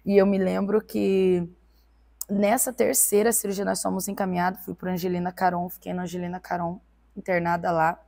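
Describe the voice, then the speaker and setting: Woman, young adult, guest, faith testimony, emotional, animated storytelling. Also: lowish voice, normal speed, gravelly. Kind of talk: personal faith testimony in conversation.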